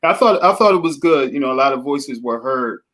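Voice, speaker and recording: A man with an ordinary mid-range voice chats through politics, often agreeing and filling pauses with soft hesitations. His pace is relaxed and his tone even. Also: mid-range voice. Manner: agreeable, frequent "right" and "um" fillers. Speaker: podcast co-host. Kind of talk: casual political discussion.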